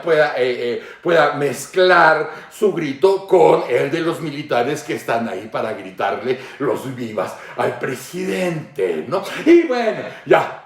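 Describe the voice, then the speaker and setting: A man with a Mexican accent hosting satirical political commentary, mocking and playful, acting out shouts and laughing often. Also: fairly high pitch, echoey room, distant mic. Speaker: host.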